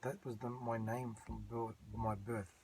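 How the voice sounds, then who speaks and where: A man's voice: medium pitch, little pitch movement, measured pace, creaky, background noise. Earnest man telling a rambling testimony. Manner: earnest, rambling, with many fillers and restarts. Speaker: channel host giving his testimony. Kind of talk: personal religious testimony.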